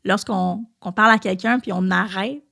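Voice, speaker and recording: A woman's voice: mid-range voice, normal speed, vocal fry, bright, forceful tone. A woman with a Québécois French accent, a podcast host and French teacher, explaining at an easy pace and thinking aloud with frequent hesitations.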